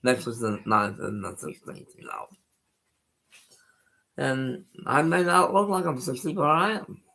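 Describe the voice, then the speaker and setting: Sixty-year-old man, casual livestream chatter, slow unhurried delivery, bright forward tone, rambling. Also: medium pitch, expressive, creaky, low-quality recording. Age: 60s. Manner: rambling, repeats himself, laughs between remarks. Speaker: live streamer.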